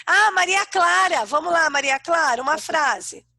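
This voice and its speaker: A Brazilian woman teaches a class of young children over a video call, her voice high and sing-song. The recording is dry and close, and her tone is bright. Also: animated, measured pace, vocal fry, dry recording. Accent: Brazilian Portuguese. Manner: warm, sing-song teacher talk to small kids. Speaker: primary school teacher.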